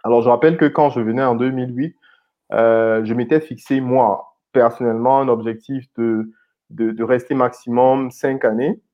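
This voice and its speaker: A Cameroonian man in his thirties, an IT consultant and founder, chats casually as an interview guest, using lots of fillers and repeated words. His voice is medium-pitched and steady at normal speed, and the lo-fi audio sounds slightly dull.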